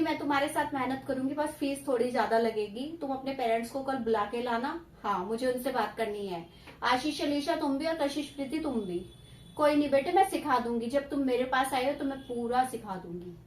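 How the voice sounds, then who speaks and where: A woman's voice: high voice, echoey room, distant mic, a little hiss or hum. A woman tuition teacher dictating spelling to children, stern yet coaxing, stretching out syllables as she dictates.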